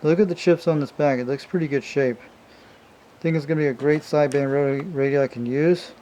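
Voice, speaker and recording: This radio hobbyist has a fairly high, mellow voice, talks fairly quickly, and keeps his intonation fairly even. He wanders informally through a vintage CB radio demo, addressing "you guys" watching, on a noisy amateur home recording.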